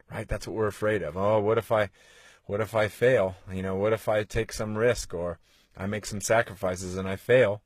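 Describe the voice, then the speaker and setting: His voice fairly low, a man in his forties delivers a motivational podcast talk, earnest and coaxing, leaning heavily on rhetorical questions. Close miking makes it sound dry and intimate, with no echo from the room.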